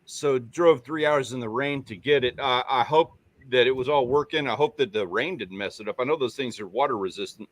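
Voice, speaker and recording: A man's voice: mid-range voice, a little fast, few pauses. A man co-hosting a casual fishing livestream, rambling and self-deprecating as he greets viewers by name. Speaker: livestream co-host. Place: home on Padre Island.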